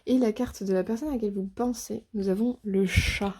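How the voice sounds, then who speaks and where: A woman giving a casual tarot reading to her viewers, speaking softly and hesitantly with many fillers and restarts. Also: mid-range voice, steady tone, brisk, husky. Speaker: tarot reader.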